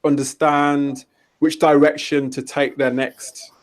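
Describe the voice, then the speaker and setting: Halting male podcast host asking questions. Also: on the high side, flat delivery. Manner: halting, restarts mid-question. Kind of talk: casual interview questions.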